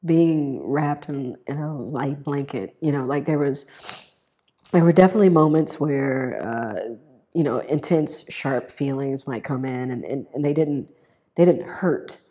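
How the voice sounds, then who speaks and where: Woman guest, mellow dark tone, hesitant personal testimonial full of fillers. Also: a bass voice. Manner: halting, many fillers and restarts. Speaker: guest sharing her experience.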